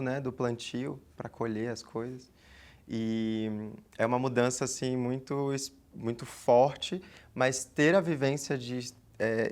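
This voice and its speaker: A man in his twenties from the Amazonas region of Brazil, a guest in an interview who speaks in a chatty, reflective way and often adds tag fillers. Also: medium pitch. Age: 20s. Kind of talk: casual interview talk.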